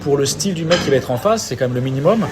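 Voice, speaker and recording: A man's voice: a little high, animated, very fast. A man with a French accent talking boxing in a casual podcast chat, hesitant, restarting his sentences with fillers. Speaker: podcast co-host.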